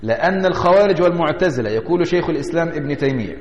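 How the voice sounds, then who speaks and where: A man's voice: fairly high pitch, expressive, very fast, lo-fi sound. A man with an Egyptian Arabic accent teaching a religious lesson as a sheikh, often asking his listeners rhetorical questions to check they follow. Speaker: sheikh teaching a creed text. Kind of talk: religious lesson explaining a text. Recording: echoey hall with long reverb.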